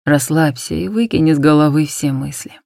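A calm, tender male lover speaks in a quiet, husky murmur, unhurried and reassuring, voiced by a woman narrating an audiobook. The voice sits low and the sound is dry and close, with no room around it. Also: dry recording, heavily acted. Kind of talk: audiobook reading.

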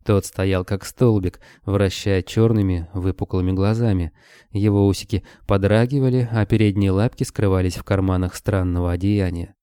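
A man narrating a fantasy audiobook with steady storytelling. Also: low voice, moderate pace, clean tone, dry recording, studio quality.

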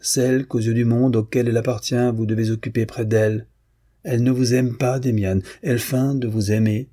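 Un homme lisant à voix haute qui prête sa voix à une jeune femme fière, au ton cinglant et dédaigneux. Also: male voice, mid-range voice, flat delivery, normal speed, warm tone, husky, voice pushed up, lightly acted. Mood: scornful. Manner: cutting, disdainful. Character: proud young woman, scornful and calm.

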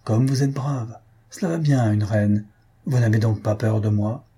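A man's voice: on the low side, normal speed, mellow, slightly rough. A man reading the lines of a despairing young nobleman, speaking firmly and reproachfully. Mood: bitter. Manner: firm and reproachful.

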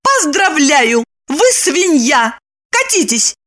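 A woman reading an audiobook voices an excitable, jealous woman who talks in high, shrill, accusing outbursts. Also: takes it slowly, full character voice. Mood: indignant shrill. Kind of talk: audiobook character voicing.

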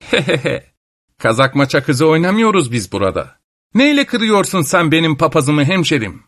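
A man's voice: a little high, sing-song, moderate pace, a bit bright, voice pushed up. A man voicing a sly, spiteful old witch woman in a storybook reading, with a mocking, sneering manner.

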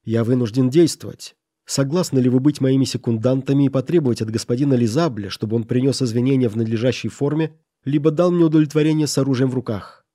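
Brief: man reading an aggrieved clerk, quick and slightly raised. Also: medium pitch, dark tone, no room sound, clean studio sound, natural voice. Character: insulted male clerk demanding a duel.

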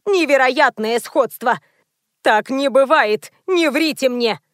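A woman voicing a furious, imperious older mother-in-law who scolds loudly in an audiobook. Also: high-pitched, slow pace, no echo, clean studio sound. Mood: indignant. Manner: loud, indignant, scolding.

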